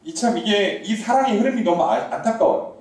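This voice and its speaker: Male pastor, mellow voice, preaching from across an echoey church hall. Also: high-pitched, a little fast, distant mic. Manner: animated, conversational preaching with questions to the congregation. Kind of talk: sermon. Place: church sanctuary.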